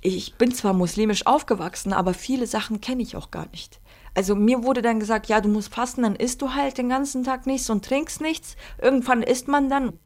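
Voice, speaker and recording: A woman's voice: on the high side, a little fast, darkish tone, no echo. A woman in her twenties from China, a student talking casually and informally about her own experience. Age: 20s. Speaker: student video diarist. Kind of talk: casual personal account.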